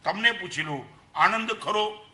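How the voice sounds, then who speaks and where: An older man with a Gujarati accent giving a lively Jain sermon, dropping to soft asides and rising to loud emphasis, asking the audience questions. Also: high-pitched, measured pace. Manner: animated preaching, swings between soft asides and loud emphasis. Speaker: Jain monk lecturer. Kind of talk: sermon to an assembly.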